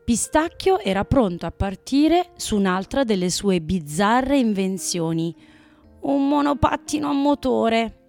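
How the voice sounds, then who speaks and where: A woman narrating a children's story in a gentle, measured manner. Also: fairly high pitch, very animated, gravelly, soft background music.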